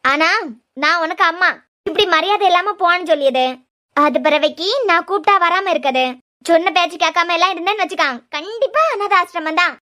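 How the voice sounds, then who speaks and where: A woman's voice: extremely high pitch, a little fast, sharp tone. A woman with a Kanyakumari Tamil accent voicing a cruel, scheming young bride-to-be in a cartoon serial, scolding and threatening a child.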